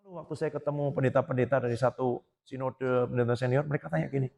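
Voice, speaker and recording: A man preaching a sermon as a pastor, telling stories and quoting people in lively voices. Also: mid-range voice, fast, creaky. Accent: Indonesian. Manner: animated storytelling, quoting others in voices. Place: church hall. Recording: long reverb of a church hall.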